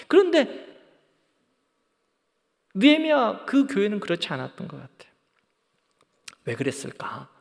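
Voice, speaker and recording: A man's voice: high-pitched, vocal fry, fairly bright tone, in a large hall. A man preaching a sermon as pastor, fervent and often checking in with his congregation. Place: church sanctuary.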